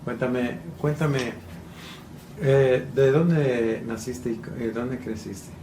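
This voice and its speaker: A man hosting a casual interview podcast, relaxed and stumbling over some words. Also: mid-range voice, very slow. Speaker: podcast host. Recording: echoey room with noise.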